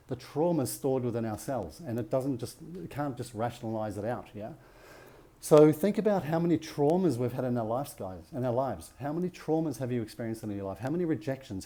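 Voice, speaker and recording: A man's voice: medium pitch, dark tone. A middle-aged man leading a relationship workshop, teaching a group and often checking in with rhetorical questions.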